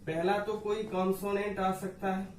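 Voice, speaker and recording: A man's voice: sits high, little pitch movement, normal speed, echoey room, recorded from a distance, slight background noise, low-quality recording. A man teaching an English grammar lesson to students, explaining each rule patiently and often addressing them as dear students.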